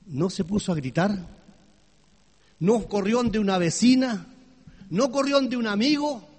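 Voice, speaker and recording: Male preacher, high voice, sermon delivery, turns from soft to loud and questions the congregation, hall reverb. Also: animated, a little slow. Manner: swings between hushed low tones and loud high exclamations.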